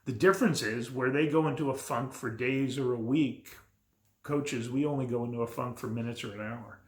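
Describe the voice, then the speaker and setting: A middle-aged man speaks to camera in a casual, reflective monologue, blunt and candid, his sentences often stopping and restarting. His voice sits at an ordinary middle pitch. The room around him gives a noticeable echo. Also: steady tone, normal speed. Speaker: men's coach and vlogger. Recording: roomy echo.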